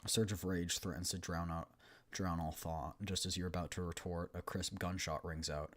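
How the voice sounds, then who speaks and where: A man's voice: deep voice, level tone, normal speed, fairly bright tone. A man reading video game narration aloud as a streamer. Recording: background noise.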